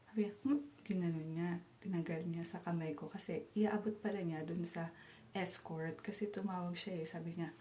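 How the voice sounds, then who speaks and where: A woman's voice: fairly low pitch, mellow, slight background noise. A woman from the Philippines, telling her story in a casual vlog, chatty and switching between languages with many fillers. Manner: chatty, mixes Tagalog and English, frequent "and then" fillers. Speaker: travel vlogger.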